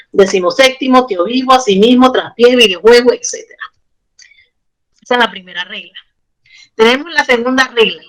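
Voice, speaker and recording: A woman's voice: on the high side, sharp tone, low-quality recording. A woman teacher explaining spelling rules to her students, patient and repeating each point. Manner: patient, explains slowly with repetition and diminutives. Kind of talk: online Spanish grammar lesson.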